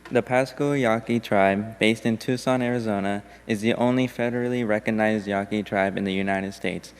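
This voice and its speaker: In a church sanctuary, a congregation member reads a poem aloud during a service in a low, smooth, resonant voice. His recitation is steady, deliberate and measured. Long reverb from the church hall trails after each line.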